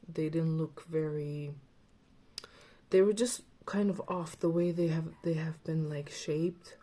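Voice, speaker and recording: Slow, mellow woman with a lisp. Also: sits low. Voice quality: slight lisp. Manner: rambling, chatty, with many fillers. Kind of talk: casual chat.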